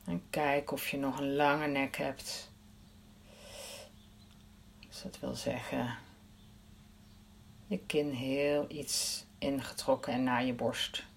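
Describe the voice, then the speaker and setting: A woman leading a guided breathing meditation in a soft, soothing voice, counting the breaths aloud. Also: a bass voice, level tone, takes it slowly, creaky, long pauses, slight background noise.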